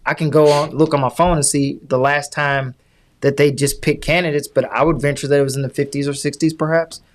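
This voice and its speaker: A man co-hosting a casual political talk podcast, who explains points at length with many restarts and slows down to stress them. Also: a little high, little pitch movement. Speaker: podcast co-host.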